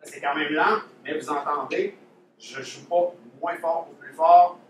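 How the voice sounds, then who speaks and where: A man's voice: a little high, unhurried. A man with a Quebec French accent teaching a drumline technique workshop in a casual, demonstrative way, repeating key points. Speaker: drumline instructor. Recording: echoey room, mic far off, noisy.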